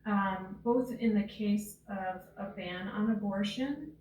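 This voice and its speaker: A woman's voice: medium pitch, slow pace, darkish tone, far from the mic, slight background noise. Thoughtful middle-aged woman doctor. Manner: thoughtful, hesitant with fillers. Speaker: gynecology chief. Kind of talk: news interview statement. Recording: roomy sound from off mic.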